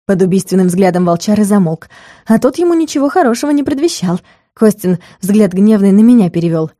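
A woman narrating a first-person fantasy novel in an ironic, lively manner. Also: mid-range voice, fairly quick, no room sound, clean studio sound. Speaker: audiobook narrator.

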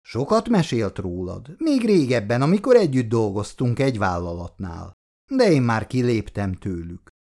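A man's voice: medium pitch, very animated, dark tone. A male reader voicing a smug young woman who gushes sweetly and talks down to a rival. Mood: sugary. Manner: sugary, condescending.

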